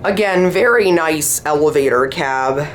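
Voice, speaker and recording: Slow-talking man narrating an elevator ride. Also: fairly high pitch, slight background noise. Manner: relaxed, pointing things out as he goes. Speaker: elevator enthusiast filming. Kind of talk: casual narration while filming. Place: hotel elevators and hallway, indoors. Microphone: handheld camera.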